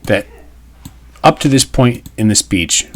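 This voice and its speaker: In a read-aloud history lesson, a man explains the text in an informal, emphatic style. He speaks slowly with a mid-range voice and lively intonation.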